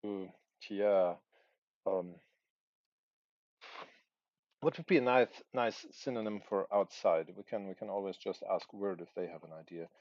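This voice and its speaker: Writing live on a stream, a man in his 40s whose native language is German thinks aloud, hesitant as he hunts for words. He speaks in a low, slightly mellow voice at a measured pace with long pauses, on a lo-fi recording with no room sound.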